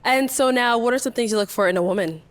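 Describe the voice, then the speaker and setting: A woman hosting a dating game, asking quick, upbeat follow-up questions and laughing often. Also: fairly high pitch, dry recording. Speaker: dating show host. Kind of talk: game show interviewing.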